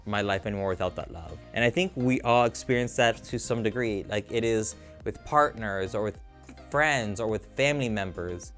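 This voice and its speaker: A man vlogging in a casual, rambling monologue, often stopping and restarting his sentences as he talks through something emotional. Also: on the low side. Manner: rambling, self-interrupting, emotional.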